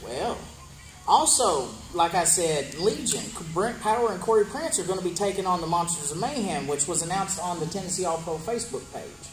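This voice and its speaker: Male wrestling promo interviewer, animated pitch, announcing match cards in an echoey space with music. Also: moderate pace. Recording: echoey room with music behind.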